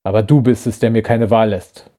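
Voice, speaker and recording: A man's voice: lowish voice, fairly even intonation, a little fast, dark tone, lightly acted. A man voicing a bitter rebel who betrayed his old friend, talking in an urgent, reproachful way in a science-fiction audiobook. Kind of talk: audiobook character voice.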